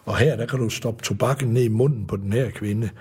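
A man hosting a satirical show, talking casually and haltingly, with mild swearing. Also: medium pitch, a little mellow, slight background noise. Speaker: host.

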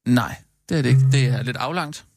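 Gravelly guy stumbling over his words in a comedy sketch, dry close sound. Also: mid-range voice, no echo. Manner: hesitant, stammering.

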